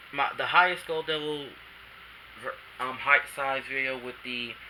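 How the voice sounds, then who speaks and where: A man's voice: medium pitch, sharp tone, a little hiss or hum, poor audio. A man reviewing an action figure at home in a rambling, casual way, often restarting his sentences, a bit drowsy after a nap, recorded on a camcorder. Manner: rambling, self-correcting, casual slang. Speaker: toy reviewer.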